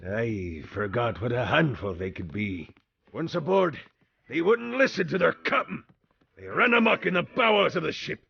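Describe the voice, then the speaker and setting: An actor playing a boastful male pirate captain in a video game, with a gravelly pirate voice. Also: medium pitch, very animated, normal speed, dull audio, exaggerated voice. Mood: scheming. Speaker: game character. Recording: game audio over music.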